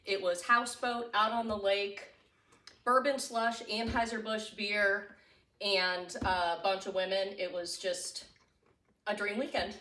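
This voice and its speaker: Woman, guest, casual chat, dry wit, bright voice, echoey room. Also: medium pitch, flat delivery, measured pace, far from the mic. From St. Louis, Missouri.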